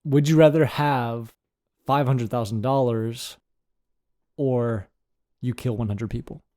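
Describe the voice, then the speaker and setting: A man's voice: medium pitch, steady tone, slow, mellow. A man co-hosting a podcast, chatting casually with laid-back, easygoing replies. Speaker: podcast co-host.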